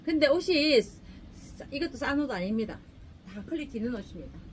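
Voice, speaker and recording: A middle-aged woman chats and jokes as she pushes her clothes. Her voice sits high and swoops up and down. She is recorded from a distance in her shop, with faint room noise behind her. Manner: chatty, joking, pushy seller. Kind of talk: casual sales pitch.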